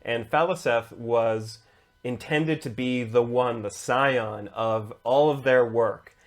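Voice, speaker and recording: A man co-hosting a casual discussion, building a tabletop game character and explaining it in long flowing stretches. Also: mid-range voice. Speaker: co-host.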